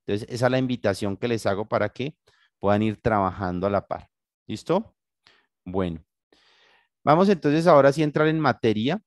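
A man's voice: lowish voice, lively intonation, moderate pace, long pauses, no room sound, studio quality. Patient Colombian man teaching online. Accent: Colombian Spanish. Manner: patient, guiding, asks "¿sí?" often. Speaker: English teacher. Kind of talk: online class, bilingual instruction. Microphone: computer mic on video call.

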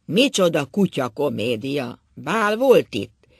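A man voicing a drunk old husband who rails loudly and wails through dry sobs. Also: medium pitch, completely flat delivery, no room sound, close to an everyday voice. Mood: mocking. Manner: loud, mocking, then wailing. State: drunk and sobbing.

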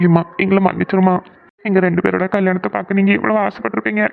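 A performer voicing a gentle, remorseful young husband in a cartoon, soft and apologetic. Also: medium pitch, fast talker, close to an everyday voice. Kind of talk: cartoon voice acting. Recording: thin phone-like sound.

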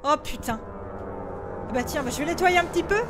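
A woman's voice: high voice, a little fast. A woman giving horror game commentary, jumpy, yelping and swearing when startled and talking to herself in nervous bursts. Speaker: gaming video creator.

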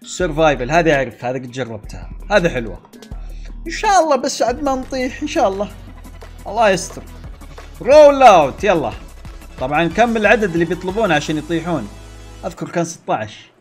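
A young man narrates a console game from home for his channel, excitable and quick to yell at other players. He talks straight to his viewers, and faint game music plays behind him. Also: high voice. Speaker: gaming channel host. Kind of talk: live gameplay commentary.

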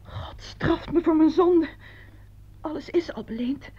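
A tearful, guilt-ridden middle-aged mother, played by a woman in a radio play, with a high, fragile voice. She falters and stammers as she speaks. The sound is dull and muffled, like an old broadcast. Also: moderate pace, darkish tone, close to an everyday voice. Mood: pleading. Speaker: doctor's wife. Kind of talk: 1950s-style radio drama acting.

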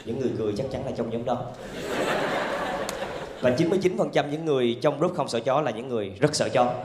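A man with a southern Vietnamese accent performing animated stand-up storytelling to a live audience through a handheld microphone. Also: mid-range voice, fast, very noisy. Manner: animated storytelling with acted-out asides. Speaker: stand-up comedian. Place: theatre stage with laughing audience.

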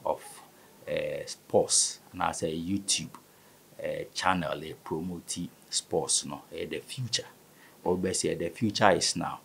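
A man's voice: deep voice, slow pace, creaky, fairly bright tone, husky. A man in his thirties with a Ghanaian West African accent, speaking conversationally as a guest in a sports interview. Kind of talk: conversational studio interview, mixing Twi and English. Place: small indoor studio. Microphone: studio microphone on table stand.

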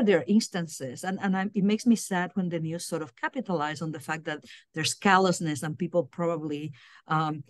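Over a video call on her laptop webcam, a middle-aged woman from Puerto Rico, serving as a guest and university diversity director, answers interview questions from a small room at home. Her voice sits low with no echo, and she's sincere, frequently repeating words as she works out her phrasing.

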